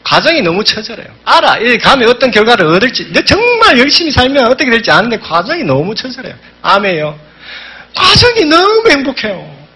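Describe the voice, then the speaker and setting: This seminar speaker talks briskly in a very high, breathy voice, pushing a motivational message with real emphasis. He brings his stories to life by acting out the quotes.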